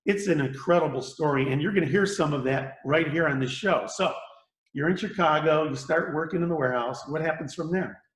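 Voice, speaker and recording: A man's voice: fairly high pitch, a little fast, echoey room, rough recording. A man hosting an interview, reacting eagerly and prompting his guest with questions. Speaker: talk show host. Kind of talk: conversational interview.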